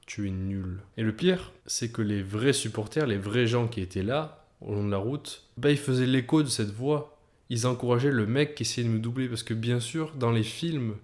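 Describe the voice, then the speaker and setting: A man's voice: medium pitch, a little mellow. A man speaking straight to the viewer in a motivational storytelling monologue, addressing them directly and building tension through repetition. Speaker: video creator.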